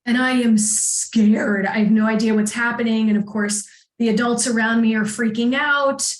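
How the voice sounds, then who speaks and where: A woman coach as a podcast guest, telling personal stories in a chatty, animated way and laughing often. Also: a little high, normal speed. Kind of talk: casual conversation, personal storytelling. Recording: echoey room.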